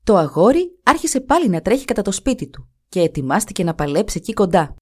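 A woman storyteller reading a folk tale aloud in an expressive storybook style. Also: mid-range voice, breathy edge.

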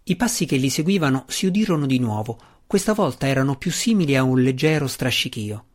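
A man narrates a fantasy audiobook, his medium-pitched voice keeping a steady, controlled rhythm.

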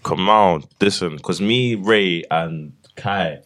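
A man's voice: low voice, takes it slowly, a bit bright. A young man with a London accent, chatting casually with friends in street slang. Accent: London, multicultural London English.

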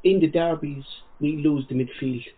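A man's voice: fairly high pitch, steady tone, moderate pace, breathy edge. A man co-hosting a podcast in casual, sweary football chat, often addressing his co-host by name. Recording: thin phone-like call audio.

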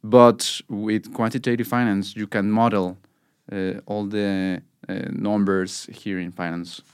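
Smooth-voiced Mexican man explaining. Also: fairly low pitch, flat delivery, a little slow, no room sound, clean studio sound. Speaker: student guest. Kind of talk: casual interview answers.

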